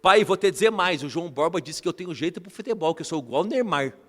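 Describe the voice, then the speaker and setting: A man from Brazil preaching a sermon as bishop, animated, often calling the congregation brothers and telling family stories. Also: on the high side, quick pace. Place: church. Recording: reverberant church hall.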